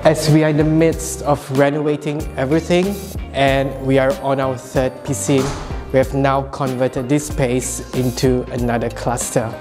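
A man guiding a walking tour of a coding campus, cheerful and welcoming with playful asides. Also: medium pitch. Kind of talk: scripted walking tour narration. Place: large open-plan campus building indoors. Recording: music playing behind.

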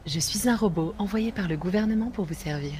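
A woman's voice: medium pitch, a little fast, warm tone, a little hiss or hum, voice pushed down, natural voice. Woman putting on a stiff robot voice. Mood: robotic. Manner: stiff robotic delivery, pretending to be a machine. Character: flat, monotone female robot voice assistant. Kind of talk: comedy sketch acting.

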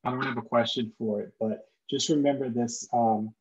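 A man's voice: medium pitch, steady tone, normal speed. A man giving an online lecture in a casual explaining manner with lots of fillers, his voice muffled as if heard through a wall. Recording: dull, muffled lo-fi mic sound.

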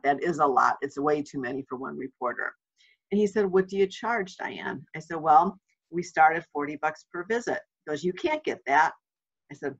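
A woman home watch trainer giving an informational webinar in a chatty, anecdotal way with lively asides. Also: low-pitched, dull audio.

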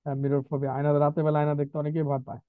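A man's voice: a little high, completely flat delivery, rapid-fire, smooth, no room sound. A man teaching an online vocabulary class, drilling spellings and pronunciation with chatty asides. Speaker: English teacher. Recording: tinny dry online call.

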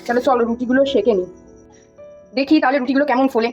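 A woman's voice: high-pitched, fairly even intonation, rapid-fire, a little mellow, muffled recording, faint music behind. A young adult woman chatting to viewers and showing off things around her home. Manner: chatty, listing items to viewers. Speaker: vlogger. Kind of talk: casual home vlog narration.

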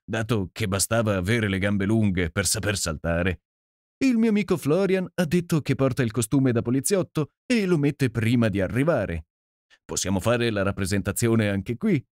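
A man reading an audiobook and voicing a boisterous, jovial Canadian gentleman with a hearty, exclamatory manner. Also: mid-range voice, no room sound, close to an everyday voice. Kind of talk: audiobook character voice. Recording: dry close sound.

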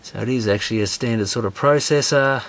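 A man's voice: medium pitch, quick pace. A man casually talks through a computer teardown at his workbench, thinking aloud as he goes. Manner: thinking aloud, hedging guesses. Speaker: electronics repair host. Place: workshop bench, indoors.

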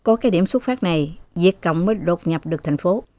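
A woman's voice: lowish voice, animated, fairly quick, warm tone, dry recording, close to an everyday voice. A woman narrator reading the dialogue of firm, reasoning male army officers in a storytelling manner. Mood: stern. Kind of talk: novel dialogue read by narrator.

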